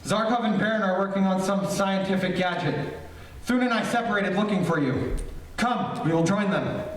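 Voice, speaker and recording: An actor playing a brave, protective space hero in an earnest, declamatory old radio serial style. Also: male voice, high-pitched, moderate pace, natural voice. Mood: urgent. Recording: very echoey distant stage recording, faint noise.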